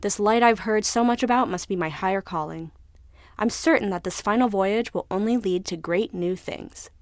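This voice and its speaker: A woman voicing a stubborn male anchovy who is dreamy and defiant, speaking low and muted. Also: moderate pace, no echo, studio quality, lightly acted. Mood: hopeful.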